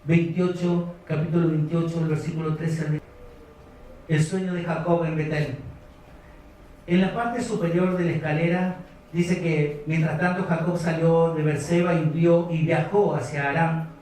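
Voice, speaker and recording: A pastor with a Rioplatense accent preaches a storytelling sermon, his voice pitched fairly high. He is heard in a large, very echoey church hall, picked up from a distance with faint noise underneath. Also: fairly even intonation, moderate pace, darkish tone. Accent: Rioplatense Spanish. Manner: storytelling, exhorting the congregation.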